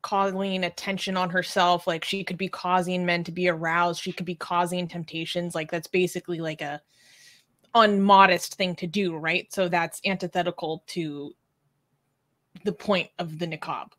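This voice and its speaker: A woman's voice: on the low side, fairly even intonation, normal speed, fairly bright tone. A woman co-hosting a casual livestream chat, reading comments aloud, chatty and giggly with many fillers. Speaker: co-host reading live chat.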